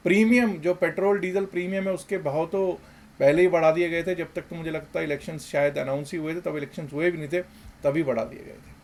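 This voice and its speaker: A man giving emphatic commentary as a market analysis host, with rhetorical questions and swings between loud and soft. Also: fairly high pitch, fairly even intonation, brisk, slight background noise.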